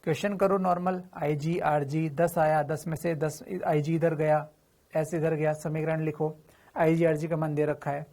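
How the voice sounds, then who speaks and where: A man's voice: fairly high pitch, flat delivery, moderate pace, a little mellow. A man teaching physics in a chatty, informal lecture, asking questions and answering them himself. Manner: addresses students familiarly, slips in slang.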